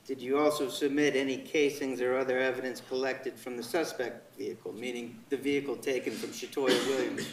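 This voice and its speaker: A man's voice: medium pitch, steady tone, fairly quick, hardly any pauses, a little hiss or hum. A man working as an attorney, putting methodical, formal questions to a witness in courtroom direct examination. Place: indoor courtroom. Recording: echoey courtroom, distant microphone.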